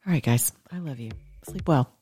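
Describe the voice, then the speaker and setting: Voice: mid-range voice, moderate pace, over music. A speaker giving an informal devotional talk, earnest and encouraging, speaking conversationally and directly to listeners. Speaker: host of an evening faith devotional.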